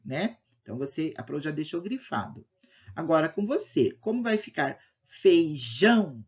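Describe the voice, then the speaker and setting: A woman teaching a primary school lesson for children in a patient, sing-song teacher's voice. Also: deep voice. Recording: dull lo-fi home recording.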